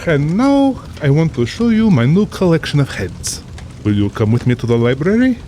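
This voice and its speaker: Pompous aristocratic general for audio drama: polished menace, highish mellow voice, very animated delivery. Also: male voice, moderate pace, slight background noise. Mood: silky courtesy. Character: refined, menacing aristocratic general, genial host and hunter.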